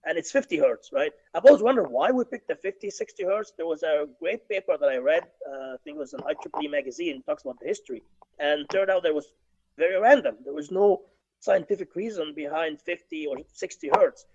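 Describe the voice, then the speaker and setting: A man's voice: on the high side, animated, a little fast, a little mellow. A man, explaining technical points on a video call from a home office, with frequent restarts. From Egypt. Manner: explanatory, many restarts and fillers. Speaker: guest engineer. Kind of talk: webinar discussion. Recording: dull lo-fi video call audio.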